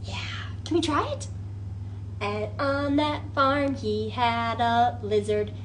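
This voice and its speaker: With a fairly high, slow voice, a woman runs a children's storytime as a librarian, full of exaggerated wonder and questions that coax the kids along. There's slight background noise.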